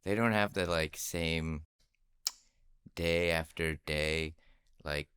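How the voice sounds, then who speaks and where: A man from the Pacific Northwest with a gravelly voice, chatting casually as a comedian guest on a podcast, self-deprecating and swearing now and then. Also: a bass voice, fairly even intonation, slow pace, a bit bright. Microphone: podcast mic.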